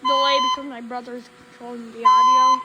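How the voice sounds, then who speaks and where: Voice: medium pitch, flat delivery, brisk, muffled recording, very noisy. A host giving a casual demonstration of equipment in a homemade video.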